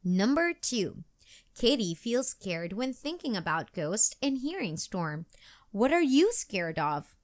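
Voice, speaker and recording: A woman narrating a children's picture book aloud and asking discussion questions, with slow, expressive, sing-song storytelling. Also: mid-range voice. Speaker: storybook reader.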